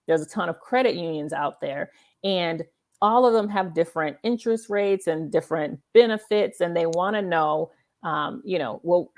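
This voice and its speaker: A creaky, fairly low voice marks this woman, who hosts a live author interview show. She interviews casually, with emphatic, affirming speech and repeated points aimed at her listeners.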